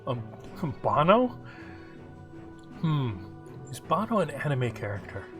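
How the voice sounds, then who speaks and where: A man's voice: mid-range voice, sing-song, normal speed. A man giving casual, rambling game commentary as he thinks aloud while playing. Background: game music behind the voice.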